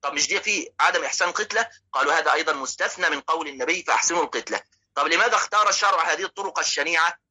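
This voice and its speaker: A man's voice: a little high, rapid-fire, bright, forceful tone, slightly rough, low-quality recording. A man with an Egyptian accent giving a religious lesson on hadith, explaining step by step, asking rhetorical questions and checking that his listeners follow. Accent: Egyptian Arabic. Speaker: religious teacher.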